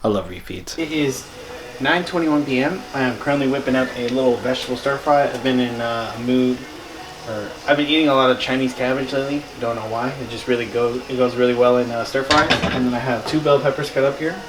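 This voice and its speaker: A man's voice: medium pitch, fairly quick, background noise. A young man, narrating his fitness vlog in a laid-back, slangy way. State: out of breath while hiking. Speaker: fitness vlogger. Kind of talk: casual vlog voice-over.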